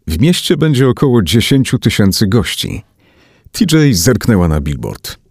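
A man reading a thriller audiobook aloud as narrator, in an expressive, dramatic manner. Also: fairly low pitch, normal speed, slightly rough, no room sound, clean studio sound. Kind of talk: scripted narration.

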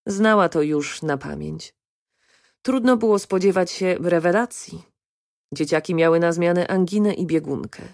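A woman narrating an audiobook with a calm, even reading. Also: on the low side, moderate pace, vocal fry, no echo, studio quality. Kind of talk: scripted narration.

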